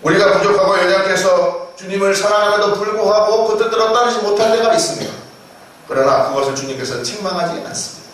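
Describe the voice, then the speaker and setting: A male pastor preaches a Sunday sermon, pressing his points with rising emphasis and repeated blessings for his listeners. His voice sits fairly high and rings through a very echoey sanctuary, recorded from a distance. A faint noise floor hums underneath. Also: quick pace, a bit bright. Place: church sanctuary. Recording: echoey church hall, mic at a distance.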